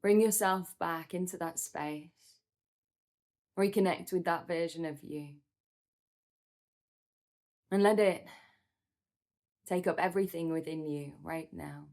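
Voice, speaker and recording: With a lowish voice, a woman gently leads a guided meditation, her calm instructions measured and broken up by pauses.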